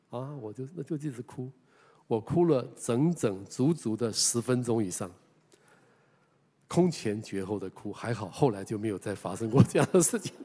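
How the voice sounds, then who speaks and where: In a large hall, an older pastor with a Taiwanese Mandarin accent shares a personal story during his sermon. His voice sits at a medium pitch with a warm tone, and he speaks conversationally, full of hesitant fillers and drawn-out particles at the ends of phrases.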